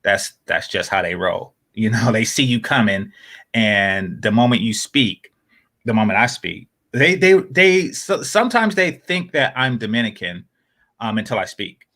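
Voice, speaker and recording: Very animated but unhurried, a man talks in a casual podcast chat, rambling with lots of fillers and restarts. He frequently drops into low, quiet asides.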